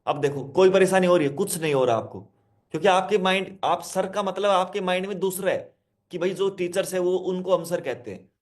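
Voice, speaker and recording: Male hypnotherapist, somewhat high voice, instructive self-help lesson, repeats each point and speaks straight to the listener. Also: fairly quick. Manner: repetitive, instructive, addresses listener directly; explains with simple word examples.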